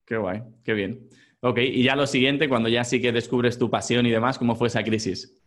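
Male interview host, mid pitch, encouraging, asks long questions. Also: fairly even intonation, moderate pace, a bit bright. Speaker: podcast host.

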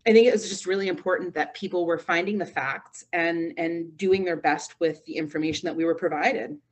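A woman's voice: fairly low pitch, brisk. A woman in her thirties, a radio morning show host, talking in a casual interview and telling stories with acted-out quotes. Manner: animated storytelling, acts out quoted voices.

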